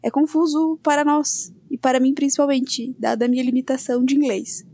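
Speaking fairly quickly in a high, dark-toned voice with a flat delivery, a podcast host with a Brazilian accent mixes casual chat into scripted true-crime narration. Her informal asides are self-deprecating, and the recording is dry.

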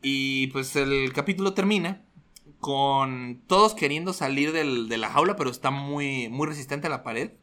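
A man, hosting a casual podcast and retelling scenes in an animated way, laughing often. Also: mid-range voice, normal speed. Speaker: podcast host.

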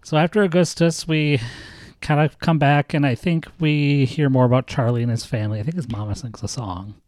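A man's voice: medium pitch, fairly even intonation, brisk, darkish tone, no room sound, clean studio sound. A man with an American accent, a father hosting a casual chat and patiently quizzing his child with leading questions. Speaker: podcast host and father.

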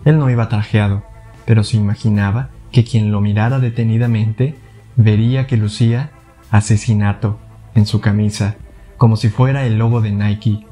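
Dark-voiced man narrating a thriller. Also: lowish voice, soft background music. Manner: steady, deliberate storytelling. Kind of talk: scripted audiobook narration.

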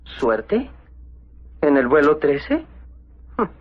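A man voicing a timid, superstitious gentleman mouse in an animated film, husky, hesitant and stammering with worry. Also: on the high side, extremely slow, exaggerated voice. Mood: worried. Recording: muffled lo-fi film audio.

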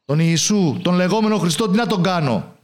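A man voicing an anxious Roman governor in a storybook, questioning loudly and insistently. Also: mid-range voice, pitched above the performer's own voice, lightly acted. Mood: pleading.

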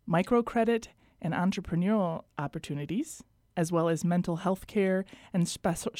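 A woman hosting a radio program in a studio, giving a gentle, gracious introduction and interviewing her guest. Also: fairly low pitch, no echo. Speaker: radio host.

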